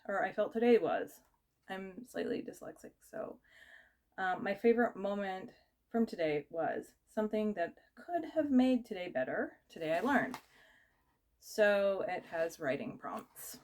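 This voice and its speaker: Losing her voice to a cold, this young woman vlogs an unboxing in a loose, rambling way, full of fillers and false starts. Her voice sits in the mid range with a darkish tone.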